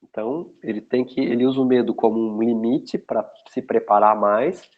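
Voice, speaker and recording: A logistics specialist from São Paulo, Brazil, talks as a guest in a casual online interview, rambling and restarting often in São Paulo Portuguese. His medium-pitched voice keeps a steady tone at a moderate pace, and the recording sounds muffled and lo-fi.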